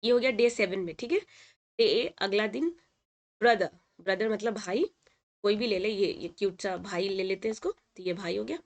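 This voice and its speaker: A woman's voice: medium pitch, normal speed. Patient woman teacher explaining a lesson. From India. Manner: patient, repeats words and says "ठीक है" often. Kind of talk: explaining a textbook lesson in Hindi.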